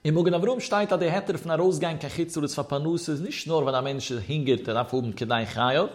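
A man's voice: fairly high pitch, fast. A man teaching a religious law lesson, citing sources in a rising and falling cadence. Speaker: Torah teacher.

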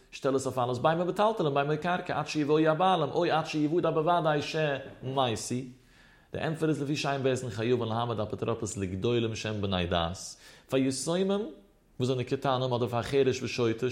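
A man teaching a Talmud study lecture, explaining emphatically with his pitch swinging up and down. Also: fairly quick.

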